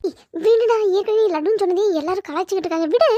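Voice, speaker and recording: A woman voicing a gentle young wife in a cartoon, pleading with her husband to calm down. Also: very high-pitched, racing, dry recording. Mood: playful. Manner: pleading, calming. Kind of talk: cartoon voice acting. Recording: dull muffled audio.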